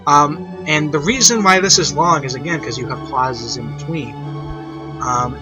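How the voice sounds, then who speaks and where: With classical music of orchestra and piano running in the background, a man delivers an off-the-cuff review for his online show. His voice is slightly high and sharp in tone, and he wanders and restates things to make his case, all captured on a dull, low-fidelity mic.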